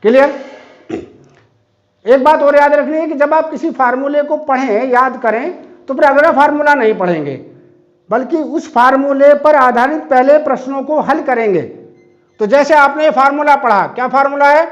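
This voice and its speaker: A man's voice: extremely high pitch, normal speed. A man teaching a maths class, talking straight to his pupils with repeated rhetorical questions. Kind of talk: classroom lesson. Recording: dull lo-fi sound.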